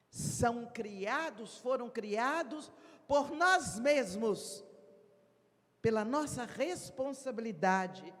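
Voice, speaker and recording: A woman giving an expressive devotional lecture, pressing her points with emphatic rhetorical questions. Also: fairly high pitch. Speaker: speaker at a Spiritist lecture. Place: lecture hall at a Spiritist event. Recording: long hall reverb.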